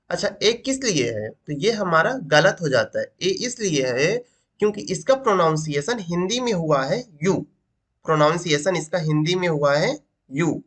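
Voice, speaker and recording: A man's voice: on the high side, a bit bright. A man teaching an English grammar lesson, asking rhetorical questions and repeating each point as he explains. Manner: asks rhetorical questions, repeats points, says "ठीक" often.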